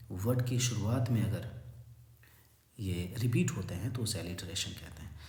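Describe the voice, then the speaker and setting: A man's voice: medium pitch, darkish tone. Man teaching in an echoey room. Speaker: English teacher. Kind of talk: Hindi-English classroom explanation.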